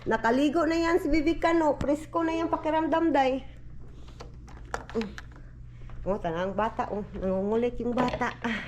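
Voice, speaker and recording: A woman's voice: sits high, moderate pace, pauses often, noisy background. A woman with a Filipino accent, chatting casually to her viewers at home and cooing at a small child. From Philippines. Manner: chatty, calls viewers "Day", coos baby talk. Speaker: family vlogger. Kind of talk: casual vlog chat. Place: home, indoors.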